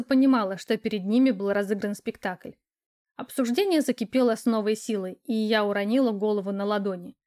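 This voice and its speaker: A woman narrating a first-person novel as an audiobook, in a lively, ironic storytelling manner. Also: mid-range voice.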